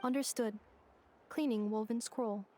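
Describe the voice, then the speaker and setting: A woman's voice: fairly high pitch, fairly even intonation, measured pace, a little mellow, slight background noise, natural voice. A woman voicing a polite female robot housekeeper in a video game, speaking in clipped, formal, machine-like announcements. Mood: dutiful, deadpan. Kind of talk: video game character voice lines.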